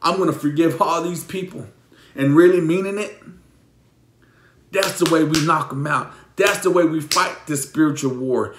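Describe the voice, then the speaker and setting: A man preaching a sermon as a pastor, emotional and repetitive, with many restarts, moving between loud preaching and hushed pleading. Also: fairly high pitch, reverberant.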